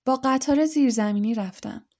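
A woman's voice: high-pitched, darkish tone, pitched above the performer's own voice, lightly acted. A woman reading aloud, voicing a nervous young wizard boy who hesitates and stammers.

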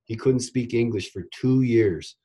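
A middle-aged former goalie coach, medium-pitched and mellow with a slightly rough texture, talks at a measured pace in a casual interview. His storytelling rambles, and he repeats words when starting sentences over.

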